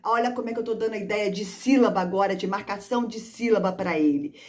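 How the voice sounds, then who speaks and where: Calling her audience "gente," this woman literacy teacher offers other teachers hands-on advice, performing and singing the prompts she uses in class. She talks quickly in a medium-pitched voice with a darkish tone.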